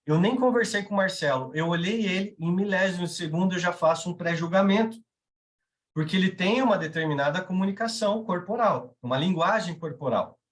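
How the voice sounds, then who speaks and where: A man with a Brazilian Portuguese accent teaching a live class, talking conversationally and checking in with his listeners. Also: high-pitched. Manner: conversational, checks in with tag questions. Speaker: veterinary sales instructor.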